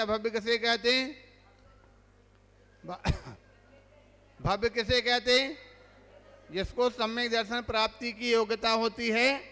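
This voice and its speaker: In a hall with long reverb, a monk leads a religious lesson, posing questions to his listeners before reciting the lists himself. His voice is extremely high-pitched with a sharp tone.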